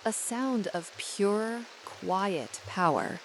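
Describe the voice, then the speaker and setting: A woman leads a guided sleep visualization, her medium-pitched voice expressive yet very unhurried, each thought laid out deliberately and soothingly. The audio is poor, and a soft hiss of rain runs behind her.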